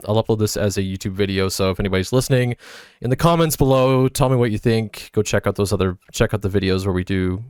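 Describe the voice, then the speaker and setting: A man's voice: on the low side, fast talker, darkish tone, clean tone, no room sound, clean studio sound. A man hosting a casual group chat about a game, rambling and correcting himself as he talks. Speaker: host.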